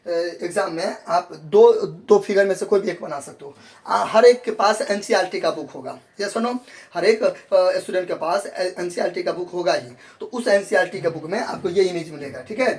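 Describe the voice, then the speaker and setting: A man teaches biology in a classroom style. He repeats each point and answers his own questions. He coaxes the students along as he shows them a real leaf. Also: high-pitched. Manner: calls students "babu log" in a coaxing tone.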